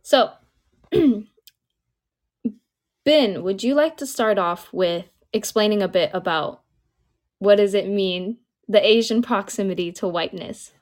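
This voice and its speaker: A woman's voice: mid-range voice, measured pace, long pauses, a little mellow. Young woman hosting a podcast. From United States. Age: 20s. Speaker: podcast host. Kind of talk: conversational podcast discussion.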